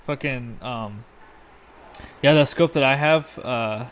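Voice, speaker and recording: A man's voice: medium pitch, slow, a bit bright. A man co-hosting a podcast in casual chat, telling rambling stories full of swearing. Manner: loose, profane, rambling storytelling. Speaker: podcast co-host.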